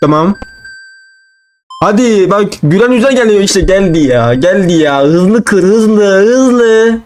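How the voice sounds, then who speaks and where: A young man livestyle gaming, loudly frustrated and cursing at a hard game while he plays, repeating words over and over. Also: high-pitched, lively intonation, slow pace, a little hiss or hum. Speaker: gaming youtuber. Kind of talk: frustrated gameplay commentary.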